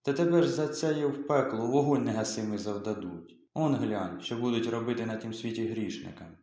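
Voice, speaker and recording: A man reading aloud voices a pious, scolding peasant mother with a sharp, chiding manner. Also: mid-range voice, fairly quick, lightly acted. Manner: scolding, then softly pious. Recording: very echoey room.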